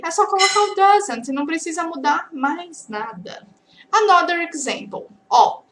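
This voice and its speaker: High-voiced Brazilian woman teaching English slowly. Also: a bit bright. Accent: Brazilian Portuguese. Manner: drills English phrases slowly, with frequent check-ins. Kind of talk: online language lesson. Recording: echoey room.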